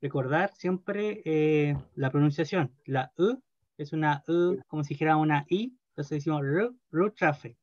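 A man teaching a language class, speaking slowly and deliberately and often checking in with his students. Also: fairly high pitch, a little mellow, no echo, dull audio.

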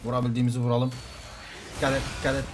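A man streaming a game live, commenting excitedly, trash-talking opponents and calling out to his viewers. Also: mid-range voice, rapid-fire, background noise. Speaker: gaming streamer.

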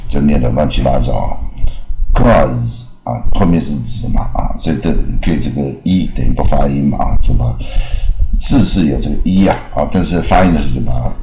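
Male teacher from Taiwan, deep and mellow, casual filler-heavy delivery, roomy echo. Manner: repeats model words slowly, many filler "啊". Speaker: English pronunciation teacher. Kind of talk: casual spoken lesson. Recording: echoey room.

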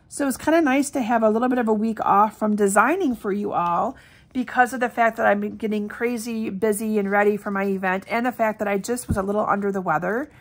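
A middle-aged woman demonstrating card making in a casual, chatty tutorial, her voice still scratchy with a lingering cough. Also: mid-range voice. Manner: chatty and upbeat, addressing viewers directly.

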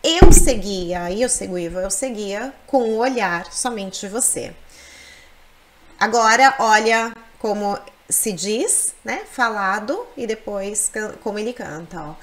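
A woman teaching Italian in a lesson, explaining slowly and repeating words to model their pronunciation. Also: mid-range voice, lively intonation. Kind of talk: language lesson.

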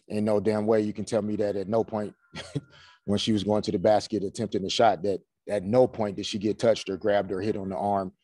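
A man in his forties, a head coach answering postgame press questions in a measured way, full of "you know" fillers, over a video call. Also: on the low side, darkish tone, dry recording. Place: small room before a team logo backdrop. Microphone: video call webcam.

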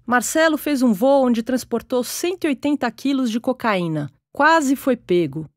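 A woman giving scripted documentary narration in an even, measured delivery. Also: a little high, dry recording, studio quality.

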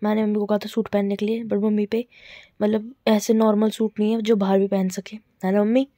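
A woman's voice: mid-range voice, flat delivery, fairly quick, mellow. Chatty young woman vlogging at home. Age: young adult. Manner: chatty, teasing, addresses viewers directly. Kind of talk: casual home vlog chat.

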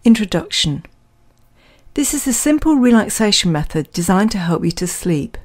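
A woman reading a scripted guided relaxation in a calm, measured, soothing manner, leaving pauses between phrases. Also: mid-range voice.

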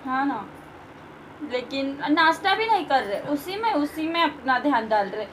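A young woman, chiming in softly during a casual home vlog. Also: high-pitched, sing-song, moderate pace, a little hiss or hum, rough recording. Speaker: vlogger. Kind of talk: casual chat.

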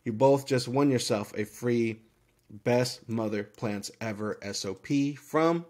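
A man's voice: mid-range voice, darkish tone. Upbeat man reading viewer guesses. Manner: upbeat and hyped, rattling off numbers with quick yes-or-no verdicts. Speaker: host of a live-streamed Q&A show. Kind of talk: live-stream giveaway, reading viewer guesses aloud.

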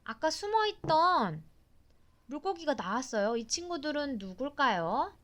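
A woman's voice: high-pitched, sing-song, unhurried, a bit bright. A woman reading a picture book aloud to her toddler, exclaiming in a sing-song way and asking playful, simple questions. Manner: exclaiming and sing-song, child-directed, polite simple sentences.

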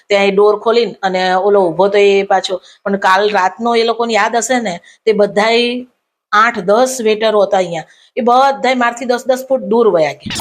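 Woman telling a comic story. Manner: animated retelling, acting out quoted lines in raised pitch. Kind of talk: comic anecdote told to camera.

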